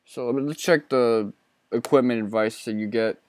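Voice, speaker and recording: A man's voice: medium pitch, a little slow, a little mellow, dry recording. A man in his thirties giving casual, profane, self-mocking commentary while playing a game. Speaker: let's play host.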